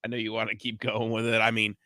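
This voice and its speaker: Guy talking fast, lowish pitch, casual radio co-host, dry sound. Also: monotone, sharp tone, no room sound. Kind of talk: casual chat.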